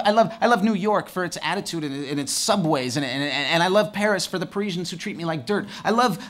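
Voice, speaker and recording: Animated man telling a story. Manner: animated, swings between excited highs and hushed lows; stumbles and repeats words. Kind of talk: first-person storytelling monologue.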